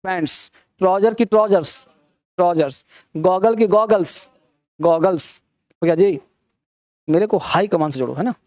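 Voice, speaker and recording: A man's voice: high voice, normal speed, long pauses, darkish tone, no room sound. Teasing, scolding male teacher, dry sound. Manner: teasing and scolding, quizzing students with rhetorical questions. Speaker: English grammar teacher. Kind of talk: classroom lecture.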